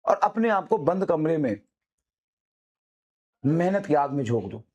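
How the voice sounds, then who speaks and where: A man's voice: a little high, very animated, a little slow, a little mellow, highs cut off. A man who teaches exam coaching gives a fiery motivational talk to his students, hammering the same phrases again and again.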